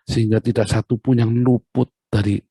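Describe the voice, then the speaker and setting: Brief: male preacher, mellow and husky, in a dry room, chatty sermon. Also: mid-range voice, flat delivery, brisk, dry recording. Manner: conversational, with asides and rhetorical questions.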